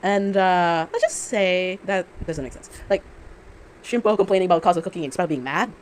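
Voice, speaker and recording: Very animated yet speaking at a normal speed, a medium-pitched fan commentator riffs sarcastically on a game without a script. The rant wanders, with stammers and frequent self-corrections, and the amateur recording carries clear background noise.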